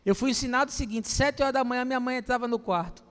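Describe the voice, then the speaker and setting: A middle-aged male pastor preaching a lively sermon, acting out voices and calling out to his listeners. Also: extremely high pitch, quick pace. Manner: animated, acts out voices, calls listeners "my brother". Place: church. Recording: long church-hall reverb.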